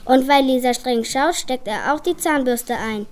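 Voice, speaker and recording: Woman storyteller, high light voice, lively children's story reading. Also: unhurried.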